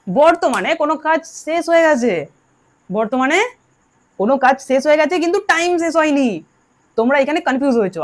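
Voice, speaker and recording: A woman teaching English grammar to a class, drilling her students and telling them to answer aloud. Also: high voice. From Bengal. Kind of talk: classroom lesson.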